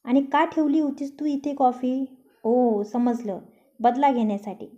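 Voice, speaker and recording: A woman with a high, dark voice reads in a storybook style at a measured pace and fairly even intonation, over lo-fi sound. She plays a grumpy, short-tempered young man who teases and snaps. Her delivery is irritated and sarcastic, with a taunting edge.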